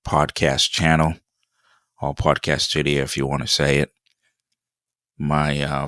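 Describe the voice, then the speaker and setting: A man's voice: very deep voice, bright, forceful tone, dry recording, clean studio sound. A young man, hosting a solo podcast in a rambling, hesitant way with many restarts and fillers. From Ghana. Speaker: podcast host.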